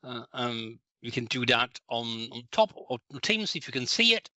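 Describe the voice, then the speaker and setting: A middle-aged man leads a live training webinar over a video call. His voice is very bright and crisp, with a dry, close sound and no room echo. He explains things patiently and circles back to restart his phrases. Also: mid-range voice, big pitch swings, normal speed. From Italy. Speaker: trainer and consultant.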